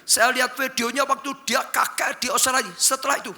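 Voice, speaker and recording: A man preaching a sermon as a pastor, dropping to low asides and rising to shouted, high-pitched exclamations. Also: little pitch movement, fast talker. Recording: echoey church hall.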